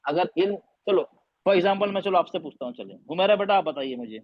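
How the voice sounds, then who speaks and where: A man's voice: high-pitched, lively intonation, dry recording. A man teaching an online recitation class on a video call, sounding out letters again and again and quizzing his students. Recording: dull lo-fi online call audio.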